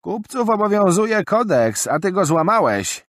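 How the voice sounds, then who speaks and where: A man's voice: high-pitched, sing-song, measured pace, fairly bright tone, no room sound, clean studio sound, voice pushed up, exaggerated voice. A man voicing an older gray-haired woman merchant who pronounces judgment sternly. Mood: stern, accusing. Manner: stern, commanding.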